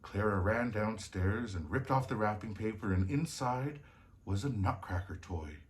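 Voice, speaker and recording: A man's voice: fairly low pitch, lively intonation, lightly acted. A man playing a jolly old Santa Claus, telling children's stories in a hearty, theatrical manner. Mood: storytelling wonder. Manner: slow, hearty, theatrical delivery. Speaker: storyteller host. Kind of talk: cheerful children's storybook reading.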